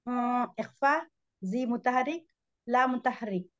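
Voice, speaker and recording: A woman's voice: on the high side, slow, a bit bright, highs cut off. A woman student reading recitation exercises aloud, naming each letter and rule carefully. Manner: reads out letters and rules one by one, carefully.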